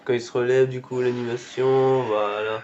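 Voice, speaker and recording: A man's voice: mid-range voice, level tone, normal speed, darkish tone. A man giving casual, reactive commentary while showing characters in a game. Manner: reactive, exclaiming at what appears on screen. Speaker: gameplay commentator. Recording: dull lo-fi recording with faint game music.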